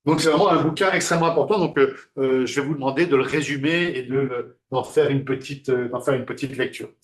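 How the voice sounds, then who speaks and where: Male lecturer, halting delivery with fillers, echoey classroom sound. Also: mid-range voice, fairly even intonation. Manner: hesitant, many fillers and restarts.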